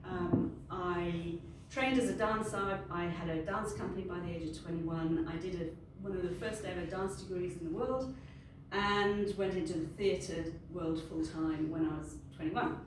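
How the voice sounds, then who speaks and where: This industry panel speaker is a middle-aged woman from Wales who grew up speaking Welsh. Her fairly low voice keeps a fairly even intonation at a moderate pace as she chats to a group in an unscripted, friendly talk. Captured on a distant mic in a very reverberant room, with ambient noise present.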